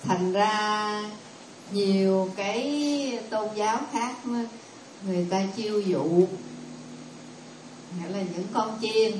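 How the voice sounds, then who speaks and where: A woman's voice: mid-range voice, takes it slowly, pauses often, slight background noise. Earnest woman speaking from far off. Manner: deferential, earnest, rambling. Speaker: audience member giving her view. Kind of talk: speaking up at a temple discussion. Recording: distant voice in an echoey hall.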